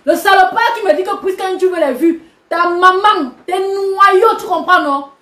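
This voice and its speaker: A woman with a very high voice lectures her subscribers in a sharp, mocking rant. The sound bounces around a roomy space. She talks combatively, as if putting someone in their place. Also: normal speed. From Cameroon. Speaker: social media personality addressing subscribers. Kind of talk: live video rant. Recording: roomy echo.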